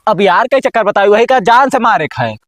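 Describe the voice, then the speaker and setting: A man plays a pushy village middleman in a homemade comedy. His voice is high, with an Awadhi accent. He cajoles and argues as he tries to broker a deal. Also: big pitch swings, brisk, noisy background. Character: pushy village go-between arranging a contract killing. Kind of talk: amateur rural comedy sketch acting.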